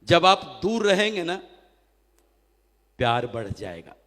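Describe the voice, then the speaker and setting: Bright-voiced trainer in a hall. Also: male voice, on the high side, takes it slowly. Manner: rhetorical questions answered himself; animated, acts out quoted people. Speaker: motivational trainer. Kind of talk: motivational seminar talk. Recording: long hall reverb.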